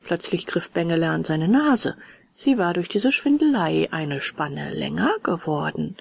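A woman narrates a children's storybook in an expressive, partly whispered reading. Her voice is gravelly and husky with a lively melody, and the recording is close and dry. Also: on the low side, a little slow, dry recording. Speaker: reader.

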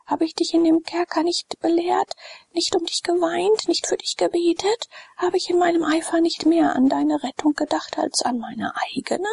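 A woman's voice: very high-pitched, fairly even intonation, moderate pace, vocal fry, a little mellow, no echo, pitched above the performer's own voice. A woman reading the part of a fervent male prisoner who preaches to a younger man.

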